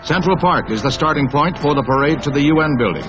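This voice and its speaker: A man narrating a 1960s newsreel in a brisk, wry announcer style with punning asides, on an old newsreel soundtrack. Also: fairly high pitch. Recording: dull lo-fi old film sound with music underneath.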